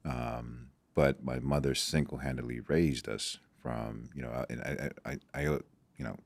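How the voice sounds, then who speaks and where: Casually interviewed as a guest, a Nigerian-born man, Igbo his first language, reflects aloud with frequent restarts and repeated words. His voice is a rumbling, creaky low with a steady tone, at a normal speed.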